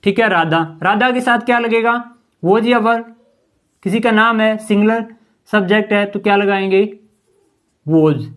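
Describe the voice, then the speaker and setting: A man's voice: high voice, measured pace, pauses often, fairly bright tone, smooth. Patient male grammar teacher. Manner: patient, keeps asking the class rhetorical questions and saying "ठीक है". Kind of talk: explanatory classroom lesson.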